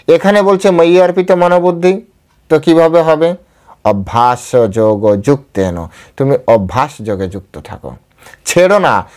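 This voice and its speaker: A male preacher with a Bengali accent leads a devotional lesson on scripture. He talks his listeners through it step by step, putting a question to them and then answering it himself. He repeats key phrases for emphasis and drops into slow, careful recitation whenever he quotes a verse. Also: mid-range voice, darkish tone. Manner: chants and quotes verses slowly. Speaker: preacher giving a scripture class.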